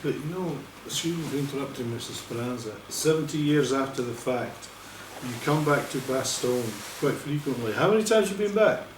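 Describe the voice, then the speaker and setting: A man's voice: mid-range voice, animated, fairly quick, few pauses, noisy background. A man interviewing a guest on a live broadcast, encouraging him along with short acknowledgements. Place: museum hall. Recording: roomy, distant live hall recording.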